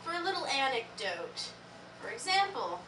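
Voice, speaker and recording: Playing a tipsy, giggly teen girl, a female convention panel performer delivers a breezy, rambling comedic monologue live on stage. Her voice is high-pitched and sing-song, moving at normal speed. The audience laughs in the panel room, and the distant, echoey recording is noisy.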